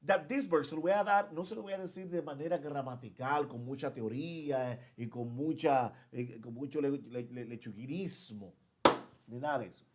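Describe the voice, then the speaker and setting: A man's voice: medium pitch, moderate pace, darkish tone. Male English teacher, explains each grammar rule in both languages. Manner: switches between Spanish and English, repeats and translates each point. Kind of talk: bilingual grammar lesson.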